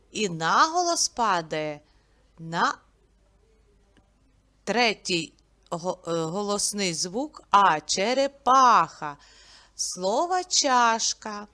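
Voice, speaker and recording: A woman teaching a literacy lesson to small children, reciting riddles and slowly splitting words into syllables. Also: mid-range voice, pushed and bright. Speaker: preschool teacher.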